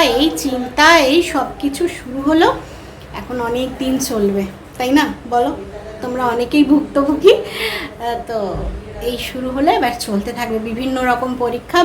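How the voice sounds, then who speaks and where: Chatty high-voiced woman vlogging at home. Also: low-quality recording. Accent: Bengali. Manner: chatty, talks to viewers while doing chores. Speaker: vlogger, mother. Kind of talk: casual home vlog narration. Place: home, kitchen and rooms.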